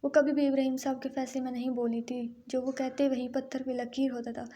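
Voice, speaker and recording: A woman reads a romance novel aloud in a steady, even storytelling manner. Her voice is high but fairly flat, with a mellow, unforced tone. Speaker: audiobook narrator.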